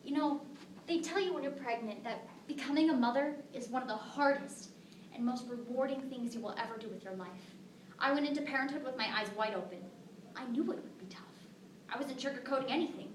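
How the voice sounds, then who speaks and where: A woman's voice: high-pitched, a little fast, lightly acted. Woman acting a devoted young mother, roomy distant recording. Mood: earnest, amused. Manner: conversational storytelling, rhetorical asides to listeners. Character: devoted young mother fondly recalling her daughter. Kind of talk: dramatic monologue performed at a competition. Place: echoing room, recorded from a distance. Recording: roomy, distant mic with faint noise.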